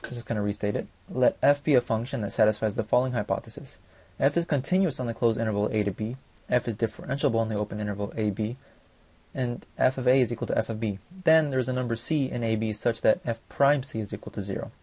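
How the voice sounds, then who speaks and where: A young man, a student, gives a read-aloud class presentation at a quick clip, now and then stumbling and restarting. His voice is dark and a little husky. The recording is dry and close to the mic. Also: mid-range voice, dry recording. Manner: fast, reads from notes with small slips.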